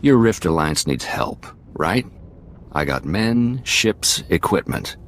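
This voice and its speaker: An actor playing a boastful, menacing pirate warlord in a video game, with a pompous manner. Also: male voice, low-pitched, very animated, slow, slight background noise, exaggerated voice. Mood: bargaining. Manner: pompous, grandiose. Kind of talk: video game villain acting.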